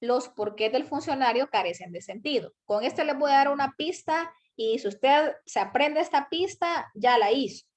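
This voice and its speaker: Fairly high-voiced woman teaching grammar. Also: lively intonation. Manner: explains step by step, repeats example sentences slowly. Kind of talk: online grammar lesson.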